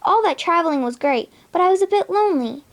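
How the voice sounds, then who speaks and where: A young female reader voicing an excitable, sentimental male blue genie in a children's storybook, with a breezy, exclamatory manner. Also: very high voice, fast talker, voice pushed up. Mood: wistful.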